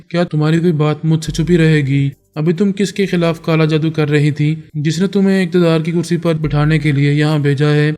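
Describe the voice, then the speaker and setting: A woman's voice: low voice, dark tone, lightly acted. A man voicing a domineering female telepath who scolds and accuses in a storybook reading. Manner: stern, accusing.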